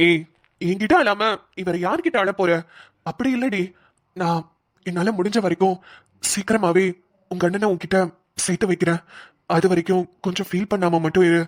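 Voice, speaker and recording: A woman's voice: lowish voice, moderate pace, long pauses, close to an everyday voice. A woman voicing a caring young policeman. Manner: reassuring, protective. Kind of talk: cartoon voice acting.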